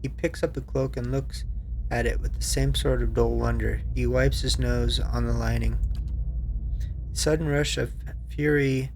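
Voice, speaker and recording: A man hosting a game playthrough, reading the story text aloud in an even way, with small stumbles and asides. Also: medium pitch, a little slow, gravelly, slight background noise. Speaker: let's play host.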